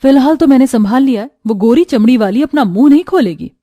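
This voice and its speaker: A woman's voice: high-pitched, expressive, fast talker, dark tone, no room sound. A woman voicing a cruel, scheming sister-in-law who threatens and scolds. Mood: gloating. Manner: menacing and scolding.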